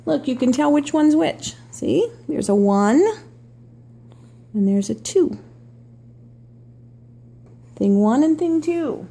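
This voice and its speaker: An older woman, a sweet, gentle grandmother reading a children's story aloud with chatty asides for a small child. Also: high-pitched, animated, slow, creaky, pauses often.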